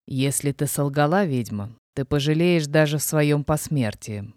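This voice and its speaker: A woman voicing a gruff, brooding male dragon with a low, hoarse growl and heavy, threatening delivery. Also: lively intonation, a little slow, mellow, no room sound, clean studio sound.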